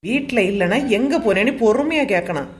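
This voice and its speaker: A tough, bossy young wife from a cartoon comedy, voiced by a woman, speaking with a Kanyakumari Tamil accent. She scolds and gives orders in a commanding tone. Her voice sits a little high. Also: lively intonation, a little fast, natural voice. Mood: scolding.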